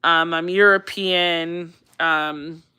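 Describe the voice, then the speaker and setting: A Colorado woman from the United States hosts a casual livestream, chatting and rambling as she answers viewers and repeats phrases for emphasis. Her voice is fairly low, with fairly even intonation and a very slow delivery. The tone is bright, forceful and smooth.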